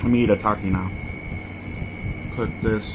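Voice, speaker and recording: A man's voice: on the low side, fairly even intonation, normal speed. A man hosting a mukbang, giving a casual, informal food review while eating and repeating short verdicts. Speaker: mukbang host. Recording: clearly noisy background ambience.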